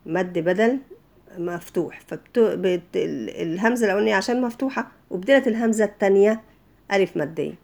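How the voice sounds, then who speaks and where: A woman's voice: lowish voice, a little mellow. Woman, Egyptian accent, tajweed teacher, patient step-by-step explaining, frequent fillers. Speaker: Quran recitation teacher. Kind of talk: informal tajweed lesson.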